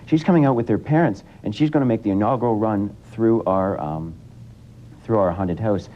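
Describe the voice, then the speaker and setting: A teenage student guest talking in a relaxed, rambling way with many fillers, heard through an old 1980s TV broadcast. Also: male voice, normal speed. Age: teens. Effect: old 1980s TV broadcast sound. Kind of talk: casual broadcast interview. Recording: dull lo-fi 1980s TV broadcast with faint rumble.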